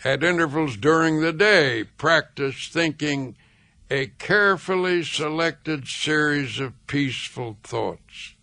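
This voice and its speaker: A man reading a self-help book aloud as scripted narration, slow, measured and soothing, with deliberate pauses. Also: a little high, a bit bright, no room sound. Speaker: audiobook reader.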